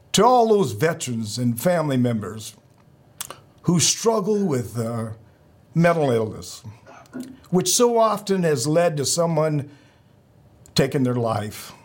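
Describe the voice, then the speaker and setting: Signing off his podcast, a middle-aged military veteran urges his listeners on in an earnest, halting way. His husky voice sits a little high with a darkish tone.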